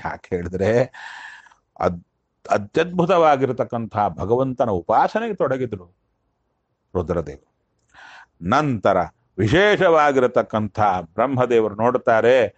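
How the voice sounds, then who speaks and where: A man giving a spiritual discourse, chanting scripture verses slowly and then explaining them in everyday talk. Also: medium pitch, dry recording, muffled recording. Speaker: religious discourse speaker.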